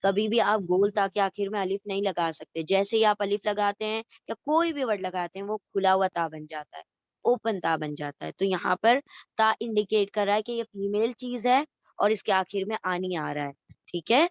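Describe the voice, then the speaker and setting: A woman teaching Arabic grammar in Urdu mixed with English terms. She repeats word endings slowly to drill them and often checks in with "theek hai?". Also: medium pitch, no echo. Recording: dry, dull lo-fi audio.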